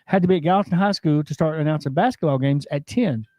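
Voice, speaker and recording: A man's voice: a little high, fast, mellow, no room sound. A man co-hosting a casual sports talk show, joking, laughing often and rambling through his stories. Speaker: co-host.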